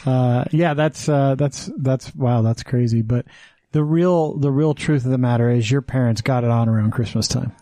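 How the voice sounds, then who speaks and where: A man's voice: medium pitch, moderate pace, dark tone, no echo. A man hosting a casual podcast, chatty and joking as he asks his guest questions. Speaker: podcast host.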